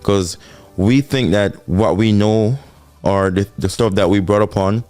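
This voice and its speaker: On a casual couple's podcast, a Jamaican-accented co-host from Jamaica muses sincerely about relationships, restating things for emphasis. He talks unhurriedly in a lowish voice with a darkish tone.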